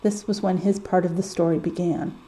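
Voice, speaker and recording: A woman reading a story aloud in calm, measured audiobook narration. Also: on the low side, rough recording. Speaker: story reader. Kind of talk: audiobook narration of fan fiction.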